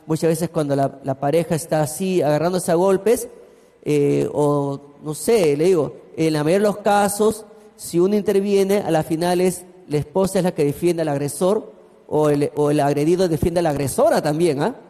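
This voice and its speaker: High-voiced pastor preaching. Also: male voice, moderate pace, mellow. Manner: storytelling with asides to the congregation. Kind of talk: sermon. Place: church hall. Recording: long church hall reverb.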